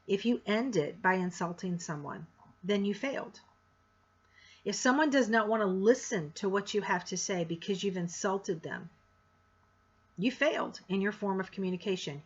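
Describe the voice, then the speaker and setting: Bright, direct woman instructor. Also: medium pitch, slightly rough, highs cut off. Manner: direct, frank, sarcastic asides. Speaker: college instructor. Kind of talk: course introduction lecture.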